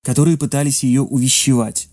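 Mellow storybook narrator. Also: medium pitch, steady tone, brisk.

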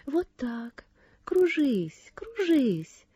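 A young witch girl speaks in a soft, breathy near-whisper, quietly giving orders, in a storybook reading, as a woman puts her on. Her tone is mellow and warm. The sound is dry and close. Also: high-pitched, unhurried, no echo. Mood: whispery.

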